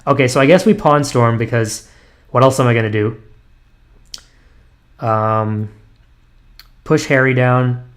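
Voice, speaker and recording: A young male streamer talks through a blitz chess match online at a measured pace, his mid-range voice pausing often. He mumbles moves, fills gaps with um, restarts, and jokes at his own expense.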